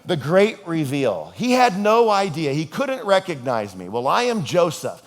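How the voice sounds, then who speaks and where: A male pastor preaching a sermon, a playful storyteller who jokes around, animated and expressive as he swings between hushed and loud. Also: high voice, normal speed.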